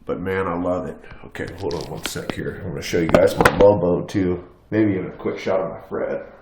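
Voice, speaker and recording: A man with a low voice and a stuffed-up nose from a cold, talking casually into a phone camera. He speaks in a relaxed, halting way, full of fillers. The sound bounces around a small, echoey bathroom. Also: very noisy. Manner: relaxed, hesitant, many fillers. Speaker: mask collector. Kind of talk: casual show-and-tell vlog.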